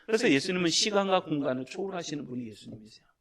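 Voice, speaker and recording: A male pastor preaching a sermon in a church, moving between soft, hushed asides and loud, drawn-out reading of scripture as he leads the congregation. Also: a little high, sing-song, a crowd in the background. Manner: addresses the congregation directly, leads group reading. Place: church sanctuary.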